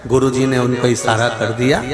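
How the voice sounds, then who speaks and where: A man telling a devotional story at a large religious gathering, animated, laughing and repeating words, heard in an echoey hall with music behind. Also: mid-range voice, moderate pace.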